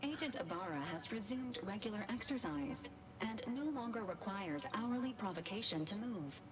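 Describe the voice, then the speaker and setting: A woman plays a courteous female robot medic from a video game, speaking in formal, clipped machine phrasing at a middling pitch. She sounds calm and clinical throughout. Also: normal speed, natural voice. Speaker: game character.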